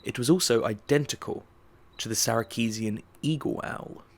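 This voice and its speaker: A man narrating an audiobook drama in a measured, even storytelling manner. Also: medium pitch, creaky, heavy background noise.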